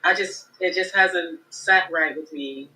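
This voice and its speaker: A woman's voice: lowish voice, sharp tone, slight background noise, poor audio. A woman calling in as a mother, speaking hesitantly, stopping often with ums as she confesses something. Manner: hesitant, halting with many ums. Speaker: caller, a mother. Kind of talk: live call-in confession.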